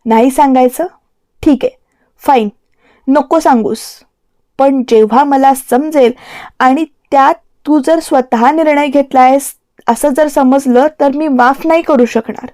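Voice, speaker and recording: A woman's voice: high voice, unhurried, warm tone, no echo, studio quality. A woman voicing a hurt, insistent young husband in a storybook reading, pressing with a raised voice. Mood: upset, pressing.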